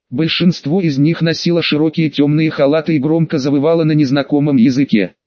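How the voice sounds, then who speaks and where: A man reading a first-person fantasy audiobook in a steady, even storytelling manner. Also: a little high, no echo, highs cut off. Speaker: audiobook narrator.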